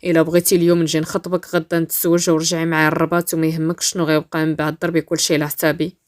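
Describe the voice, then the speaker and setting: A woman's voice: low-pitched, racing, voice pushed down, natural voice. A woman doing a heated young man with a Moroccan accent. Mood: insistent. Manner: shouting in anger, then steady and insistent. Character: angry young man, forceful and protective. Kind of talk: storytelling voice-acting.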